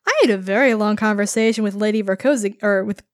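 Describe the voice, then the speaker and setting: A woman doing a brisk older female professor. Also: mid-range voice, dry recording, studio quality, close to an everyday voice. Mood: chatty.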